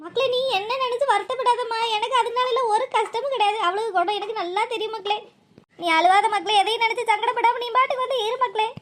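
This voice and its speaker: A woman plays a gentle older village mother in a cartoon. She speaks, very high-pitched and fast. Her manner is pleading and soothing. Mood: consoling. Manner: soothing, pleading, repeats endearments. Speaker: cartoon character.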